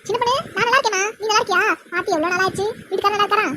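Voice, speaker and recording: A shrill, very high-pitched old mother-in-law from a cartoon, voiced by a woman, who nags and bosses everyone in a broad Tirunelveli Tamil accent. Her voice sits far above ordinary speech, and a steady background hiss runs under it. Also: very fast. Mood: chatty. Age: older. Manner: scolding, sharp-tongued, bossy. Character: grumpy bossy old mother-in-law, nagging.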